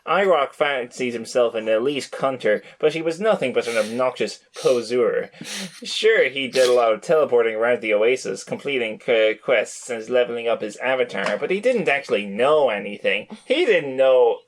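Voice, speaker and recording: A man's voice: mid-range voice, expressive, normal speed, a little hiss or hum. A man hosting a podcast, reading a novel aloud to friends with wry, joking asides. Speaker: podcast host and reader.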